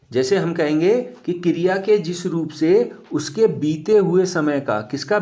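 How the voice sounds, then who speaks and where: A man's voice: on the high side, mellow. A man teaching a grammar lesson, explaining step by step and often asking his students questions back.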